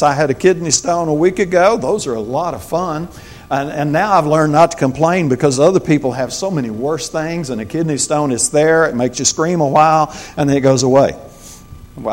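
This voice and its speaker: An older man in his sixties delivering a sermon in a chatty, down-home manner, slipping in wry jokes between his points. His voice sits a little higher than most men's. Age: 60s. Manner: folksy, conversational, joking asides. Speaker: pastor.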